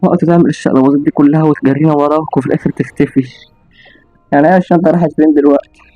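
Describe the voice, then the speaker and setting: A man's voice: on the high side, no room sound. An Egyptian man tells a story to his audience at a breakneck pace, piling on exclamations and restarting his sentences. The voice sits dry and close, with no room around it. The audio is slightly dull, with faint music underneath. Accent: Egyptian Arabic. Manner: rapid, animated retelling with exclamations and restarts. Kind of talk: casual spoken storytelling to an audience.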